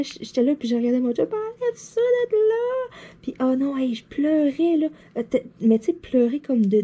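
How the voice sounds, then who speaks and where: A woman with a Québécois French accent, seated at her desk, telling anecdotes to her viewers in a chatty, animated way, full of fillers and laughter. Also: on the high side, breathy edge. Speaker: vlogger. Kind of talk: casual anecdote storytelling to viewers.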